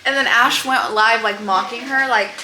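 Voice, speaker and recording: A woman's voice: a little high, normal speed, background noise. A woman vlogger chatting casually to a friend in a bedroom, telling a long story in a rambling way full of fillers. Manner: rambling, filler-heavy, lots of "like". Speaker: vlogger explaining internet drama to a friend. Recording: roomy echo.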